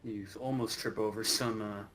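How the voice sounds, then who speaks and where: Male game master, medium pitch. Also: steady tone, moderate pace, fairly bright tone, slight background noise, rough recording. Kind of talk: narrating and refereeing a tabletop game.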